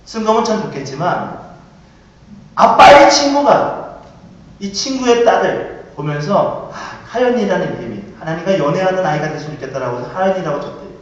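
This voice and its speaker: A middle-aged man preaching a sermon as senior pastor, telling stories and asking rhetorical questions, with dramatic swings from soft to loud. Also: sits high. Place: church sanctuary. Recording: echoey, distant, dull church recording.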